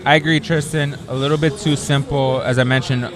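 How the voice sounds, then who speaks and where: A man's voice: mid-range voice, little pitch movement, brisk, a crowd in the background. Upbeat male event announcer. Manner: upbeat announcer calling scores. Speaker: play-by-play commentator. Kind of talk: live event commentary.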